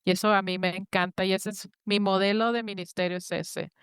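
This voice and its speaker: A woman talks earnestly in a faith-based interview, acting out the voices of people in the Bible stories she retells. Her voice is smooth and resonant at a middle pitch. The sound is dry and close. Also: fairly even intonation, brisk, fairly bright tone, no room sound.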